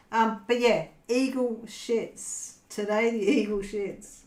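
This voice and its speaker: Woman, Australian accent, relaxed unhurried livestream chat, giggly, lots of ums, roomy echo. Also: a little high. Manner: giggly, rambling, many fillers. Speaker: crafting channel host. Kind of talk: casual livestream chat with viewers.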